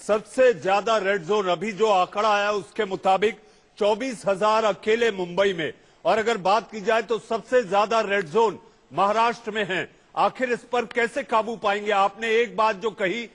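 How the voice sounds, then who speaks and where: A middle-aged male news interviewer with a fairly high voice puts pointed, probing questions to his guest in a formal, respectful tone. His voice rings with a long, hollow echo, as if he were in a cave. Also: fairly bright tone.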